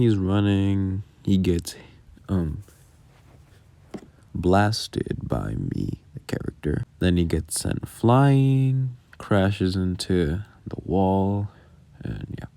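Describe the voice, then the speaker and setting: Speaking close to the microphone, a male audio creator offers casual behind-the-scenes commentary that's halting and self-deprecating. He has a low voice with vocal fry and a dark tone.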